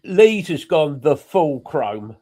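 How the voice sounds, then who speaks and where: A man from England in casual chat, emphatic and quick to correct others, talking over a remote call. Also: fairly high pitch, big pitch swings, mellow. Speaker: podcast co-host. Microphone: remote call setup.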